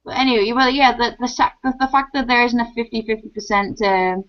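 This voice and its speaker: Soft music plays behind a young woman speaking briskly in a fairly high voice with a light Scouse accent from Liverpool, England. Appearing as a guest in casual conversation, she rambles, restarting often and saying um a lot, and the lo-fi sound is dull.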